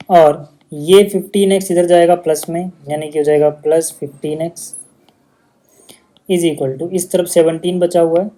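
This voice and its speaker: मधुर आवाज़ में समझाता हिंदी भाषी पुरुष शिक्षक. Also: male voice, fairly high pitch, dark tone. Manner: casual, patient explaining with repeated checks. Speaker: maths teacher. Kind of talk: explaining a maths lesson on video.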